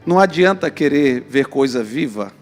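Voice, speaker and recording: A man with a Brazilian Portuguese accent preaching a sermon, telling a story in an animated way to the congregation in a church hall. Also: mid-range voice, normal speed. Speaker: pastor. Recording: long church reverb, faint music.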